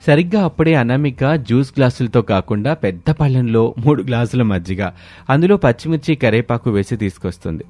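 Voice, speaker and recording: A man narrating a scripted cartoon story in a steady storytelling manner. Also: mid-range voice, brisk, soft background music. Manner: even, storytelling delivery.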